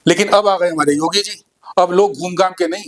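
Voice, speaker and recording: A man's voice: high-pitched, a little fast. A man in his fifties telling conversational stand-up comedy anecdotes on stage into a handheld mic.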